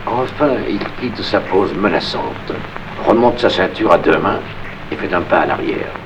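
A male narrator reads stage directions in a calm, measured way. His voice is very low. The hissy tape marks it as an old archive recording.

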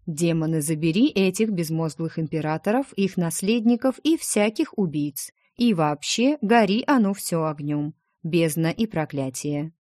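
A gruff, blunt male dragon, protective of his friend and quick to grumble, as a woman reader voices him. He speaks low and slowly in a dry, close recording, with a teasing edge. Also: flat delivery, darkish tone, no echo. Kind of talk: audiobook character reading.

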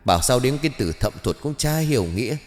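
A man voicing a grumpy, crude old male ghost who scolds and pries, in a gruff manner in a spoken horror-comedy story. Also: medium pitch, expressive, quick pace, long reverb tail, faint music behind, voice pushed up, natural voice. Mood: scolding.

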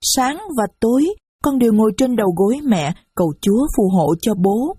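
Sweet little girl in an audiobook, woman doing the voice, high and slow, soft husky tone. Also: animated, dry recording, studio quality. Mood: innocent. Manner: slow, sweet childlike phrasing. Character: small innocent girl, polite and simple.

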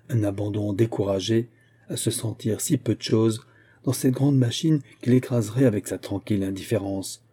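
A man narrating a classic novel as an audiobook in a measured, literary way. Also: fairly low pitch, mellow.

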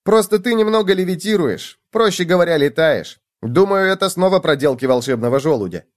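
A man voicing a cheerful, talkative male gopher in a children's storybook, speaking higher and brighter than his own voice. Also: animated, brisk. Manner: bright, chatty, raised pitch. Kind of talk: storybook reading.

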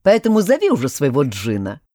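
A woman's voice: a bass voice, huge pitch swings, brisk, dark tone, dry recording, pitched below the performer's own voice, heavily acted. A woman voicing a skeptical, curious young man with a dry, questioning manner.

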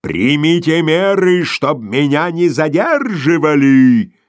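A man voicing a frantic, busy male boss who barks brusque, loud orders. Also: fairly high pitch, expressive, normal speed, no echo, voice pushed up, lightly acted. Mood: bellowing.

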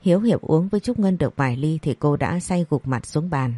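Low mellow woman reading a story aloud, dry close mic. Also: brisk, no echo. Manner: reads every character in the same even voice. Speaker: audiobook narrator. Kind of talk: scripted story narration.

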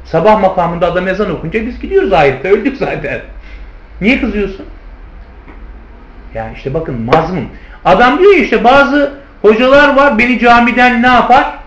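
Male teacher giving a lecture, keeps asking questions and answering them, high lively voice, roomy slightly muffled sound. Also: moderate pace. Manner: rhetorical questions answered himself; addresses listeners as friends. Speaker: theology teacher. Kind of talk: lecture on hadith commentary.

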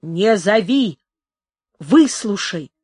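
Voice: animated, extremely slow, slightly rough, no room sound, exaggerated voice. A reader voicing Don Carlos, a hissing obsessed lover. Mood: pleading. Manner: low hissing whispers breaking into threatening shouts. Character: obsessed, violent young man, passionate and menacing.

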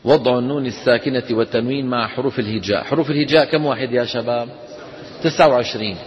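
A man teaching a tajweed class, questioning his students and chanting verse lines slowly. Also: medium pitch. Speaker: Quran recitation teacher. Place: lecture hall with students. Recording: dull lo-fi lecture recording in a reverberant hall with faint noise.

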